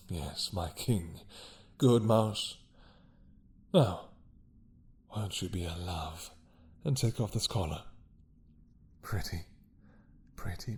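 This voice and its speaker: In a romantic roleplay drama, a man plays a possessive, doting mad dragon king with a lowish, husky, breathy voice that often sinks to a whisper. His heavily acted delivery is slow, regal, and seductive, carrying a purring menace.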